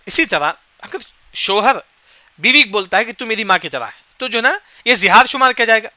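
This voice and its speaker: High, bright-voiced man teaching Quran commentary. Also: expressive, no echo. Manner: asks and answers his own questions, repeats key points; recites short Arabic verse phrases then glosses them.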